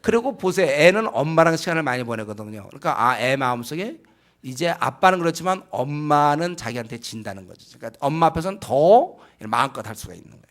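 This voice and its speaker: A man's voice: on the high side, very animated, fast talker, fairly bright tone. A man preaching a lecture-style sermon on raising children, emphatic and full of rhetorical questions to the congregation. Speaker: pastor.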